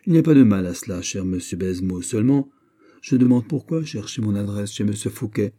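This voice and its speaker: Man voicing a shrewd bishop, measured, quietly insistent, dark husky low voice, audiobook. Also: lively intonation. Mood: smooth. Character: calm, shrewd male bishop, smoothly probing.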